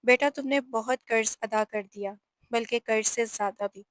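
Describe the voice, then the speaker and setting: A woman's voice: fairly high pitch, normal speed, no echo, close to an everyday voice. A woman voicing a widowed mother who scolds her only son firmly and emotionally in a storybook reading. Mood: tearful. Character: stern widowed mother, protective and tearful.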